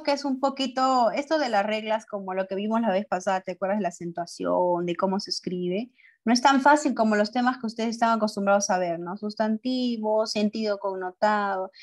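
A woman teaching young pupils, patiently going over each step and checking with questions. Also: mid-range voice. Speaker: primary school teacher.

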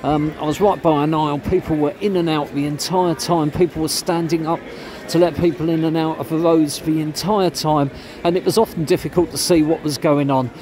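This man's voice sits fairly high, with a steady tone and a brisk pace, and crowd noise comes through. He's a vlogger giving chatty walking commentary full of ums while he films on his phone outside and inside a large football stadium, in a noisy recording.

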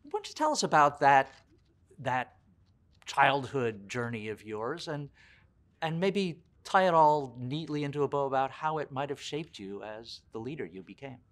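Animated man in his sixties hosting. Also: mid-range voice, moderate pace. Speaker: interview show host. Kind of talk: scripted introduction and interviewing. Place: indoor office lounge.

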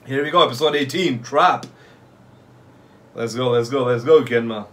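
A young man giving excited live reaction commentary in casual street slang, swearing freely and repeating short phrases. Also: medium pitch, moderate pace. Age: young adult. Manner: casual street slang, like "yo", "fam", "bro", "no cap". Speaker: anime reaction host. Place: small bedroom or home room, indoors.

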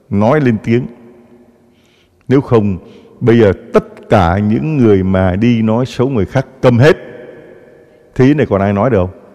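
Priest guy giving a sermon, voice jumps all over, long echo in the church. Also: on the low side. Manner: animated storytelling, acting out gossiping voices.

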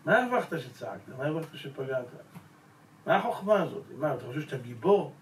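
A male rabbi giving a Torah lesson, pressing his listeners with rhetorical questions and calling them gentlemen. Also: fairly high pitch, sing-song, slight background noise. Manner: addresses the audience as gentlemen. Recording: roomy echo, voice from a distance.

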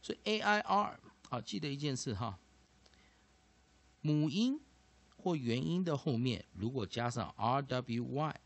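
A man teaching a vocabulary and pronunciation lesson, explaining slowly and deliberately. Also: medium pitch, animated, no echo.

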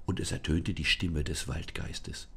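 A man reading a children's storybook aloud in a calm, measured way, with small thinking-aloud asides. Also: a bass voice, creaky, very noisy. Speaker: volunteer children's book reader.

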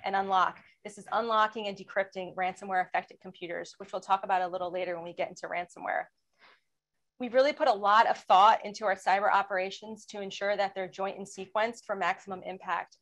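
A woman speaking as a panelist in a webinar presentation, explaining in a steady way and asking for slide changes. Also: medium pitch, poor audio. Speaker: federal law enforcement panelist.

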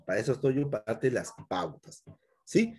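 A man's voice: mid-range voice, sing-song, normal speed, a little mellow, breathy edge. Male computer teacher, middle-aged, speaks to one student, voice rises and falls a lot. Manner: talks straight to one student, acts out pupils' fears. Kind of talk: recorded class lesson.

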